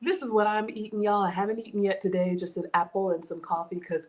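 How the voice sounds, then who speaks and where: A Ghanaian-born woman raised in the American South hosts a casual cooking livestream from her home kitchen, reading viewer comments aloud and chatting with them. Her mid-range voice moves fast with fairly even intonation. She's warm and chatty, thanks her supporters, and says "y'all."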